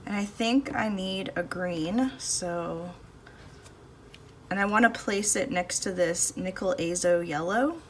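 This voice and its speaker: A relaxed, chatty woman with a mid-pitched voice hosts an art channel, thinking aloud as she paints in a casual demo. Her home studio phone recording, taken from above the table without an external mic, carries a faint hum of traffic and a fridge.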